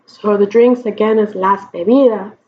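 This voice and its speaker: With fairly even intonation and a medium-pitched voice, a woman teaches Spanish grammar one step at a time. She explains slowly and deliberately, regularly checking that her students are following. The recording quality is dull and lo-fi.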